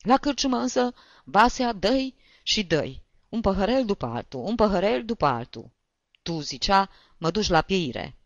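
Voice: medium pitch, fairly bright tone, clean tone, dry recording, lo-fi sound, lightly acted. A reader voicing a weepy, flustered male tutor who sobs and strains as he complains, in a storybook reading. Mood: tearful. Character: weepy flustered male tutor, tipsy trip gone wrong.

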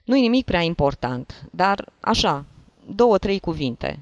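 A reader voicing a touchy, anxious middle-aged gentleman in an audiobook, with a pleading, wavering delivery, recorded dry and close. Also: mid-range voice, sing-song, dry recording, highs cut off. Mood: awkward pleading. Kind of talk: audiobook reading of a classic story.

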